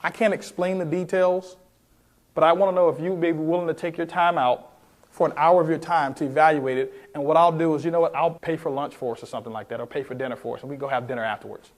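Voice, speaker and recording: A man's voice sits on the high side, with fairly even intonation and a fast delivery. He is a sales trainer giving a motivational seminar talk that includes role-played phone calls, speaking emphatically and addressing the audience with frequent questions.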